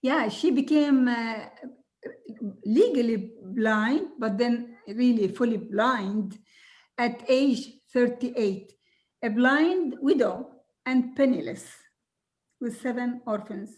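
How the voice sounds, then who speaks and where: An older woman from Jordan, a native Arabic speaker, telling her life story slowly and earnestly, with soft laughs now and then. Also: fairly high pitch. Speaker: guest speaker. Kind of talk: recorded video conversation.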